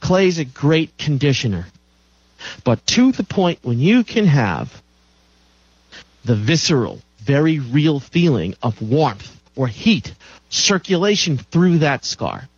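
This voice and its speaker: Guy radio host lecturing hard, kinda high voice, dry dull lo-fi sound. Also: very animated, slow, slightly rough, no echo. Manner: emphatic, lecturing, repeats phrases for stress. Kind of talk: call-in radio monologue.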